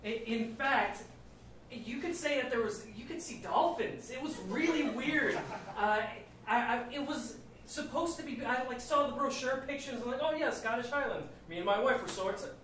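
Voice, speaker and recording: A woman improviser tells a goofy story on stage, halting and laughing as she goes. Her high, bright voice comes slowly. It is heard from far off in a very echoey club with an audience behind. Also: slight background noise. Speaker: improv performer.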